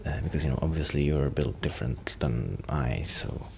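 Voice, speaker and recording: Soft and extremely low with a gravelly edge, this ASMR roleplay voice of a musician friend sometimes drops toward a whisper. He's animated at normal speed, yet rambles shyly, hesitantly and apologetically, like casual chat between friends. Clear noise sits in the recording.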